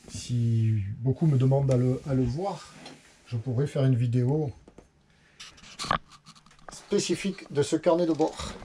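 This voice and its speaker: A man's voice: mid-range voice, mellow, a little hiss or hum. A man with a Marseille accent, a sailing vlogger talking casually to camera in a chatty, meandering, plain-spoken way. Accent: Marseille French. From Marseille, France.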